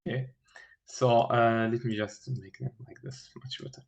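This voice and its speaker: A man explaining a technical design as an interview candidate, haltingly, searching for words with many filled pauses and repeated starts. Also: mid-range voice, steady tone, gravelly. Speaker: engineering candidate in a mock system design interview. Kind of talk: thinking aloud through a technical design explanation.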